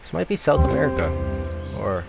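A man's voice: fairly high pitch, big pitch swings, fairly quick, over music. A young man chatting during an online multiplayer strategy game, thinking aloud in a hesitant way with many fillers. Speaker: multiplayer gamer. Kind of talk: casual game chat. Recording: voice chat with clear background noise.

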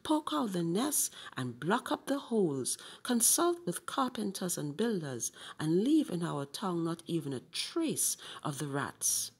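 A woman's voice: lowish voice, big pitch swings, unhurried, hardly any pauses, breathy edge, exaggerated voice. A woman doing a blustering town mayor. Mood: commanding.

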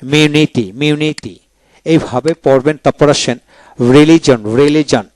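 A man teaching English pronunciation, with a Bangladeshi accent, reading each word slowly and repeating it for learners to copy. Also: a little high, darkish tone, no room sound. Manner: slow, careful repetition of each word. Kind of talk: pronunciation drill, reading words twice.

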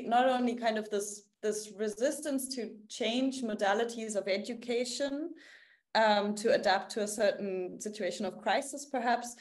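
Woman in her thirties, academic panel speaker, hesitant, restarts often, video call audio. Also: medium pitch. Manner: thoughtful, hesitant, many fillers and restarts. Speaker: keynote speaker. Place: home room, indoors.

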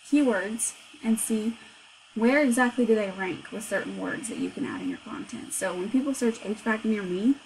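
Woman walking thru a screen share, mid pitch voice, chatty, lots of "so", slight hiss behind. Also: a little mellow, rough recording. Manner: conversational, explaining step by step with frequent "so". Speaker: marketing agency owner. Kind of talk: screencast walkthrough.

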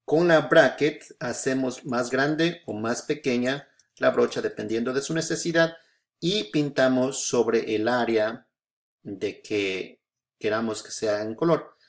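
Man in his own voice, mid-pitched, explaining screen steps patiently with many pauses and check-ins. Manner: patient, repeats steps, frequent filler "eh" and "¿no es cierto?". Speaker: photography tutorial host. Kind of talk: screen-recorded software tutorial.

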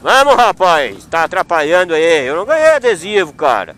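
A man's voice: fairly high pitch, very animated, normal speed, a bit bright. A man speaking, vlogging outdoors at a motorcycle meetup and teasing friends in a joking mock confrontation. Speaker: motovlogger. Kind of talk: casual vlog chat.

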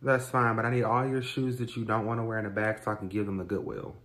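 A comedy creator acting out a sketch of a scolding mom and her kids, switching voices quickly. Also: mid-range voice, fairly even intonation, a bit bright. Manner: switches between scolding mother and teen voices. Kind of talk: comedy sketch, one performer playing a family.

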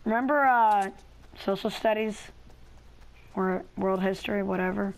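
A young woman hosting a gaming video, chatting casually and quickly with a friend while playing. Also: mid-range voice, creaky, poor audio. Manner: chatty, talks fast and restarts often. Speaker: gaming channel host. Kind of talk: casual gameplay chat.

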